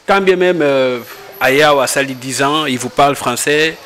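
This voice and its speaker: A man's voice: medium pitch, normal speed, fairly bright tone. A man, a panel guest making firm points. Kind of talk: debate discussion.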